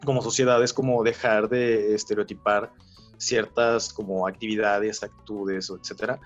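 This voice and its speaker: A man's voice: lowish voice, level tone, normal speed. A young man with a Mexican accent co-hosting a podcast, rambling in slangy casual chat with many fillers. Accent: Mexican Spanish. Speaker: podcast co-host. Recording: slightly dull sound with faint music.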